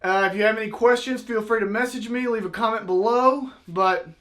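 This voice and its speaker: High-pitched man giving a casual tutorial. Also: a little fast, fairly bright tone. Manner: folksy, plain-spoken, demonstrates with spoken sound syllables. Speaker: duck call maker and instructor.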